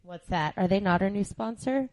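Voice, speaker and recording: A woman's voice: medium pitch, normal speed, a little mellow. A woman co-hosting a comedy podcast, playful and teasing in casual banter. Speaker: co-host.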